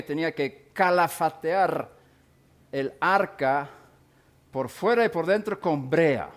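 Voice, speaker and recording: Middle-aged man, Bible teacher: high-set voice, deliberate sermon-style delivery that repeats key words.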